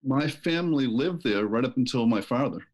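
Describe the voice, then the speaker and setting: A middle-aged man from Maine talks as an author guest in a relaxed interview. He rambles through long stories and stops often for fillers and restarts. His voice sits at an ordinary middle pitch. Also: fairly quick. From Maine, USA. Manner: rambling, hesitant with many fillers. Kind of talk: casual interview.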